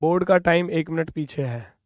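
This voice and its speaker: An Indian-accented man, voice a little high, runs an online exam-prep reasoning class in English. He's brisk and encouraging, now and then scolding students in fun. The recording is dry and studio-clean.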